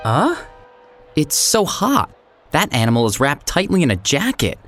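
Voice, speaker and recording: Confident sheriff dog, actor cast, animated delivery, light music behind. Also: mid-range voice, unhurried. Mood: urgent. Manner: commanding, explaining.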